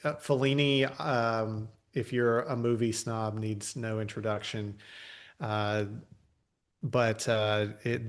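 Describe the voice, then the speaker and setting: Gravelly-voiced male podcast host. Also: mid-range voice. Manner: rambling, many fillers and restarts. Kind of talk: casual movie podcast chat.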